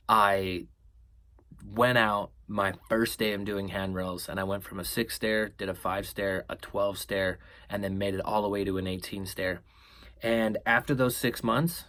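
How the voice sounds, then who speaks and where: A man's voice: fairly low pitch, a bit bright. A man in his thirties candidly telling a personal story in a vlog, swearing freely and talking animatedly. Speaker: vlogger. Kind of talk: casual storytelling.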